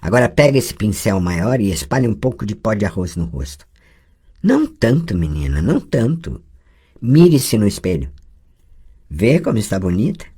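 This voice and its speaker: An audiobook reader voicing a patient adult sorceress who teaches a girl, calm and gently correcting, with a lively, wide-ranging delivery. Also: medium pitch, moderate pace, breathy edge, pitched below the performer's own voice. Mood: tender. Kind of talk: audiobook dialogue reading.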